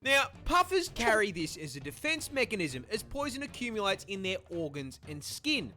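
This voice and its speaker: A bright, forceful narrator with a very animated delivery. The scripted comedy is sarcastic, punchy and full of swearing, with faint music behind it. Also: mid-range voice, normal speed.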